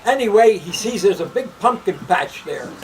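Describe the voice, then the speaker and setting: High-voiced man telling jokes off-mic. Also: lively intonation, moderate pace, recorded from a distance, a little hiss or hum, rough recording. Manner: laughs at his own jokes. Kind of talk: casual joke telling.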